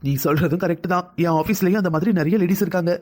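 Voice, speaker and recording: A man's voice: sits high, fast, darkish tone, lightly acted. A man voicing a cautious young husband in a family cartoon, firmly lecturing his wife. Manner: firm, lecturing. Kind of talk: cartoon voice acting.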